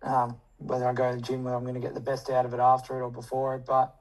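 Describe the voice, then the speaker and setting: A man's voice: mid-range voice, completely flat delivery, very fast, low-quality recording. A man chatting casually in a rambling, slangy, sweary way. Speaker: coaching client. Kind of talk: casual chat.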